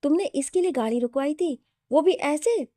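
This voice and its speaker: A woman's voice: high-pitched, animated, normal speed, mellow, no room sound, clean studio sound, pitched above the performer's own voice. A woman voicing a stern young male boss who gives curt orders. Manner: curt and commanding.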